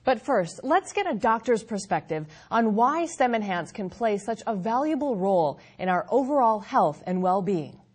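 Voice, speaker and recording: A woman's voice: on the high side, very animated, normal speed, few pauses, husky. A woman co-hosting an infomercial, presenting scripted lines and interview questions in a polished way. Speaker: infomercial co-host.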